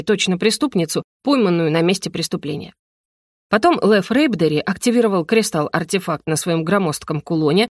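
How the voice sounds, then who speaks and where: A woman reading a first-person fantasy novel aloud as an audiobook narrator, telling it with lively, wry irony. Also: lowish voice, no echo. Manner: lively, ironic storytelling. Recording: dry close recording.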